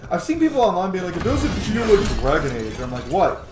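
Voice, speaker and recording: This gaming video host's high-pitched voice swings hugely in pitch as he briskly delivers casual, profanity-heavy commentary during gameplay. There's roomy echo on the recording, along with clear background noise.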